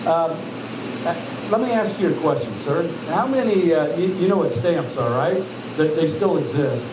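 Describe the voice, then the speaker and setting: Man, slightly high voice, live instructor, directive and questioning, loud machinery noise, echoey. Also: expressive, normal speed. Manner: directive, questioning, addresses trainees as sir. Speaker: altitude chamber instructor. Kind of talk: live instruction, checking on trainees. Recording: echoey, distant mic, loud machinery hum.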